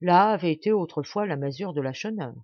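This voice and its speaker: A woman reading a classic novel aloud as an audiobook, narrating in a measured, clear way. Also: fairly low pitch, lively intonation, dry recording, lo-fi sound. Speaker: audiobook reader.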